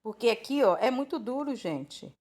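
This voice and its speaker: A young woman from Brazil teaches from the Bible in a loose, talkative way. She piles up rhetorical questions. Her voice sits a little high and leaps all over the place. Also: moderate pace. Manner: animated, chatty, rambling with diminutives and rhetorical questions. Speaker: preacher.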